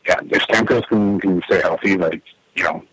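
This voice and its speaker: Deep, husky male co-host for laid-back sports analysis, agreeable, recorded in an attic. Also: normal speed, fairly bright tone, no room sound, poor audio. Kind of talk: casual sports analysis chat. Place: attic of a house, recording in summer heat.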